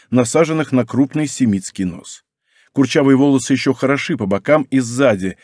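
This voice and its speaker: A man reads an audiobook aloud in a steady, even manner, his voice at an ordinary pitch. He is recorded on a close mic with a dry sound and no room echo. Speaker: narrator. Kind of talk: audiobook narration.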